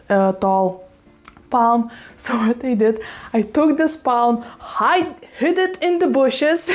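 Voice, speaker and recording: A woman with a strong Russian accent chats to her camera at home. Her voice sits a little high. She talks loosely and laughs easily, filling gaps with "you know" and "right?". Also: a little mellow. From Lithuania. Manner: chatty, laughs often, says "you know" a lot. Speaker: plant vlogger. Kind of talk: casual vlog chat. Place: home room with plants.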